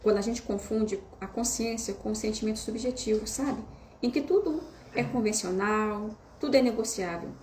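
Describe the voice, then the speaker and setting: A woman's voice: on the high side, moderate pace, darkish tone. Chatty Brazilian woman teaching in an echoey room. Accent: Brazilian Portuguese. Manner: chatty, addresses listeners often with tag questions. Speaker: online course teacher. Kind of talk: conversational lesson. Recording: roomy echo with faint hiss.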